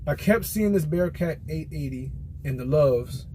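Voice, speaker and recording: In a loose, rambling vlog, a truck-driving American man tells experience-based stories while weighing in on a product. He sounds a little high-pitched, animated yet unhurried, with a dark tone and slight background noise.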